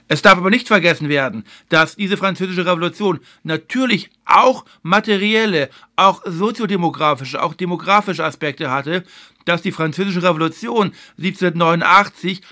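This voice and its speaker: Man, lecturer, fairly high voice, bright tense tone, measured explanatory delivery, stresses key points. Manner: filler phrase "eben halt". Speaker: lecturer and host of a video series. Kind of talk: spoken history lecture.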